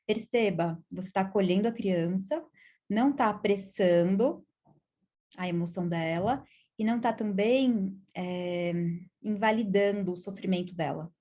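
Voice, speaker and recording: Calm Brazilian woman psychologist explaining. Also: medium pitch, measured pace. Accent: Brazilian Portuguese. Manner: calm, explanatory, frequent tag questions. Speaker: child psychologist. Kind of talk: educational video lesson.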